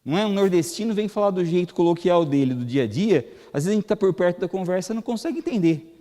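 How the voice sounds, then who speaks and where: A man's voice: high voice, animated, quick pace, dark tone. A Brazilian man with a Brazilian Portuguese accent giving a spoken lecture at a spiritist center, talking conversationally and putting rhetorical questions to the audience. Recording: reverberant hall.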